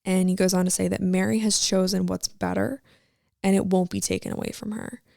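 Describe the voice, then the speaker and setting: A woman's voice: mid-range voice, level tone, fairly quick, vocal fry, darkish tone, no room sound, clean studio sound. A woman in her twenties hosting a casual devotional podcast, chatty and reflective, with lots of "like" and rhetorical questions. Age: 20s. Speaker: podcast host.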